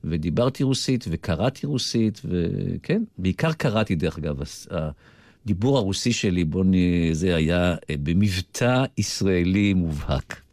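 An older man with an Israeli accent, telling his recollections deliberately, with asides, as a guest in a radio interview. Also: deep voice, expressive, darkish tone, no echo. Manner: deliberate storyteller who digresses into asides. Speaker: interview guest, retired military intelligence officer.

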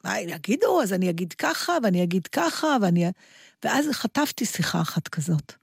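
A middle-aged woman co-hosting a casual radio chat, telling stories and jokes in an animated way. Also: medium pitch, vocal fry, breathy edge, dry recording, studio quality. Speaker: radio co-host.

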